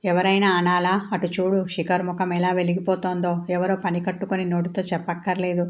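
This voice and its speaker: A woman voicing a suspicious, sharp-tongued young woman in a read-aloud story, in a flat voice. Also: lowish voice, brisk, close to an everyday voice. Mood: accusing. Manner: flat, even reading voice.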